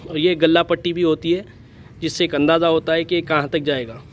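A man, walking viewers through a goat for sale in a casual, steady way, often calling them brother. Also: fairly high pitch, fairly quick. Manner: flat, steady, repeatedly says "bhai". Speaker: goat farm seller. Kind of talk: casual sales walkthrough. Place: outdoor goat pen.

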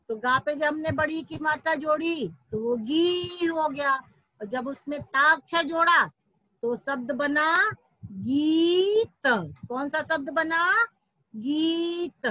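A high-pitched woman teacher speaks slowly and patiently to small children, drawing out each syllable. She asks a question, then gives the answer herself. Her voice is bright and close, with a dry sound. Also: dry recording, rough recording. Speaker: primary school Hindi teacher. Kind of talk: recorded online class for young children.

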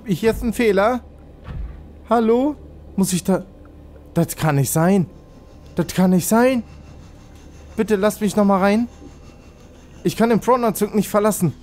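Excitable German-speaking man gaming. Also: high-pitched, a little hiss or hum. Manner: excitable, yelps and pleads with his vehicle. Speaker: let's play host. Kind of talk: gameplay commentary.

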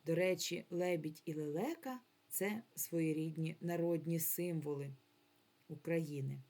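A woman's voice: deep voice, measured pace, mellow. A woman primary school teacher giving a remote lesson to young children. She speaks patiently and carefully, and stretches words out syllable by syllable. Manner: patient, encouraging instruction.

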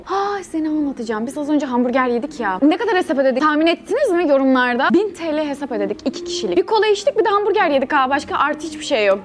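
A young woman vlogging outdoors at an abandoned site, excitable, jokey and easily scared. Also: very high-pitched. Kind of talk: casual vlog chat.

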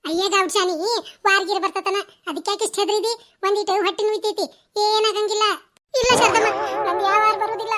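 A woman voicing bickering village women in a cartoon, talking in quick bantering dialect with a North Karnataka Kannada accent. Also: extremely high pitch, a bit bright. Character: bickering village women, a landlady and her helpers. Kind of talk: cartoon voice acting.

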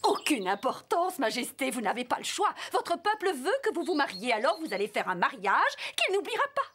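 A bossy formal courtier. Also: female voice, high-pitched, big pitch swings, a little fast, fairly bright tone, slight background noise. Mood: insistent. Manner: formal and firm. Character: royal courtier, formal and insistent. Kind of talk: French cartoon voice acting.

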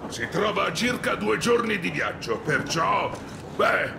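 A man's voice: high voice, sing-song, unhurried, vocal fry, exaggerated voice. A man playing an older, commanding, fatherly colonel in a video game. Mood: proud, announcing. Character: commanding old colonel, fatherly, easily roused. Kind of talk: video game voice acting, Italian dub. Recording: roomy, noisy train-carriage ambience.

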